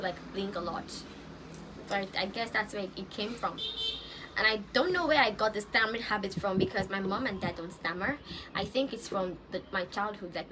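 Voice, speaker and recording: A young Nigerian woman talks casually into her phone camera from an outdoor balcony above the rooftops, sharing a get-to-know-me vlog. She's chatty, stammering, repeating words now and then, and tossing in laughing asides at medium pitch. Street ambience is clearly audible behind her.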